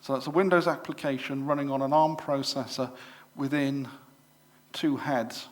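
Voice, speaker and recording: A middle-aged English man giving a live demonstration to a club audience, chatty and full of fillers and quick self-corrections. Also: medium pitch, fairly even intonation. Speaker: presenter at a computer club show. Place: exhibition room at a club show.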